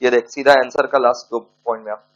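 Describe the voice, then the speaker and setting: A man teaching a law class, joking with and scolding his students and slowly dictating points to write down. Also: medium pitch, little pitch movement, muffled recording. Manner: scolding, teasing lecturer mixing Hindi and English, dictating slowly. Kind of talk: classroom lecture.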